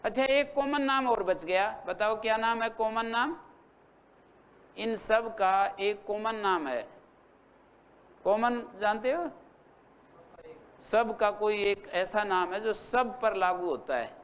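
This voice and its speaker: Slow, high-voiced man teaching grammar. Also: a bit bright, clean tone. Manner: patient, drills students with questions and repetition; spells out word forms slowly. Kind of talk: classroom lecture.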